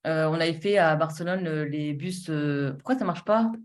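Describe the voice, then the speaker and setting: A woman's voice: sits low, moderate pace. A woman giving a casual, enthusiastic sales presentation while showing her screen, chatty and full of filler words and restarts. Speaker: presenter of a travel savings platform.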